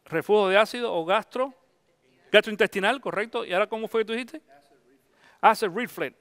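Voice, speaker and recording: Man, middle-aged pastor, high voice, conversational sermon, dry close sound. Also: quick pace, fairly bright tone, clear, resonant tone, no room sound. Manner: conversational preaching, mixes English phrases into Spanish.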